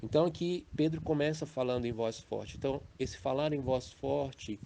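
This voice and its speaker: A Brazilian Portuguese man delivers a recorded lesson on preaching in a warm, mellow voice. He speaks in a measured, explanatory way. He often checks in with the listener with a quick questioning tag. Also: medium pitch, vocal fry, slight background noise. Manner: measured, explanatory, with frequent "né" and "tá" tags. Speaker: preacher teaching a formation course. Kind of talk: recorded teaching audio. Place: home recording for a messaging app.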